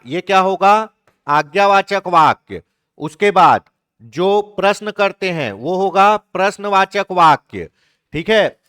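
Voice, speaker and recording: A male teacher giving an exam-prep grammar lesson, asking the class questions, answering them himself and repeating key words slowly. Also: high voice, a bit bright, smooth.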